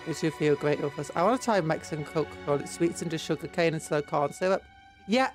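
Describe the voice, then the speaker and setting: A woman with a British accent and a low, darkish voice streams while sick with a cold, blocked nose and sore throat, rambling casually and responding to what viewers write in chat.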